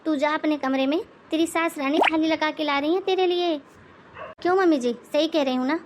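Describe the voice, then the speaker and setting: A woman's voice: sits high, steady tone, normal speed, slight background noise, close to an everyday voice. Woman voicing a preachy, sarcastic daughter-in-law. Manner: lecturing, sarcastic. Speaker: voice actor in an animated moral story.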